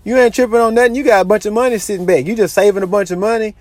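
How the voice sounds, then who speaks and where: A man with a notably high speaking voice talks his listeners through money advice in a casual monologue. He lectures and circles back to the same points again and again. The sound is close and dry. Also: fairly even intonation, racing, dry recording. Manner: repetitive, lecturing, says "you know what I'm saying" a lot.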